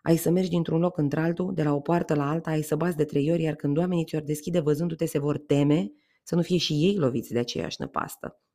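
Reader playing a grim graveyard spirit in a spoken fairy tale, solemn curse, warm mellow timbre. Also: medium pitch, fairly even intonation, lightly acted. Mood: cursing. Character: frightening graveyard spirit, male, menacing.

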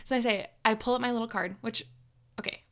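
A woman's voice: a little high, fast. A young woman from Minnesota co-hosting a podcast, telling a story in casual chat. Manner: chatty storytelling, lively retelling with quoted voices. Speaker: podcast co-host.

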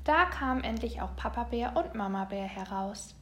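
A woman reading a children's story aloud, in a gentle, even storybook manner. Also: a little high, normal speed, a little hiss or hum.

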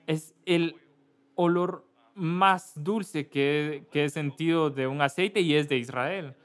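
A man from Kentucky, a pastor giving casual church announcements, halting and correcting himself often. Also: fairly high pitch. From Kentucky, USA. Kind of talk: church announcements before a service.

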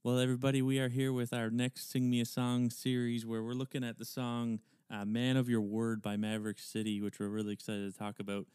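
A man's voice: mid-range voice, completely flat delivery, fairly quick, few pauses, a little mellow. A man hosting a podcast in a casual, conversational and effusive way. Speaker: podcast host.

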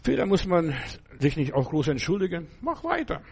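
An older male preacher delivers a sermon in a husky, slightly high voice. He sounds emphatic and conversational, and he keeps turning to his listeners to ask whether they follow. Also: wildly swooping pitch, moderate pace, a little mellow.

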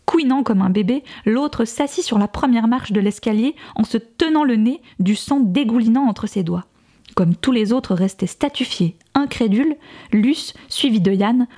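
A woman narrating an audiobook in a measured, expressive reading style. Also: fairly high pitch. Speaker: audiobook reader.

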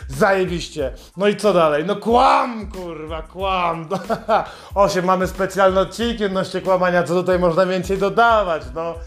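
Man, high-pitched, podcast host, satirical monologue, sarcastic, profane, faint music behind. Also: normal speed. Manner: sarcastic, heavily profane ranting.

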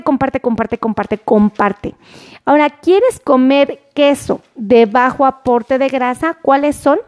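A woman's voice: high voice, darkish tone. A woman hosts a live stream, reading out food portions, greeting viewers by name and urging them to share. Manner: reads portions off a list, greets commenters, urges sharing. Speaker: nutrition livestream host.

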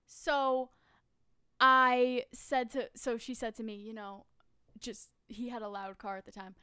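A young woman hosting a casual family podcast, chatty and quick to laugh. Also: on the high side, flat delivery, sharp tone, clear, resonant tone. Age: young adult. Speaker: podcast host.

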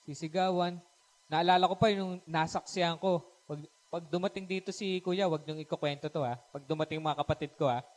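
A man preaching a Taglish sermon at a live-streamed church service, lively and acting out family quarrels while often asking the crowd for agreement. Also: a little high, a little fast.

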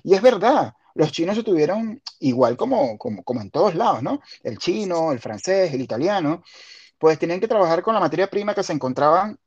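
A talkative man from Venezuela hosts a relaxed interview, his voice sitting a little high for a man. He often circles back and repeats words before finishing a thought. The sound is somewhat muffled and lo-fi. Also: a little fast, husky. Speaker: podcast host. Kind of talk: casual interview.

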